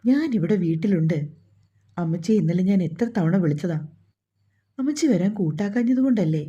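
A woman's voice: on the low side, animated, moderate pace, warm tone, slightly rough. A woman voicing a grown man, a teasing husband and firm son, on a dull lo-fi recording. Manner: teasing, firm, matter-of-fact.

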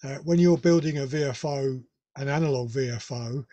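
A man's voice: mid-range voice, normal speed, dark tone, muffled recording. A man with a Northern English accent hosting a radio club meeting, talking casually with many restarts and fillers. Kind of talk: casual club talk over video call.

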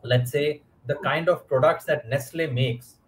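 A man's voice: on the high side, a little hiss or hum, low-quality recording. Indian man explaining on a video call. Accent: Indian English. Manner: measured, explanatory, many fillers. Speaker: fund manager guest. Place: indoor room.

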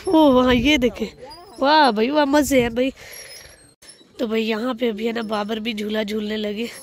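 Woman vlogger, high voice, excitable chatter, outdoor park, phone mic. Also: measured pace. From Pakistan. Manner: chatty, excitable, laughs a lot. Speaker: family vlogger. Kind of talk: casual vlog narration.

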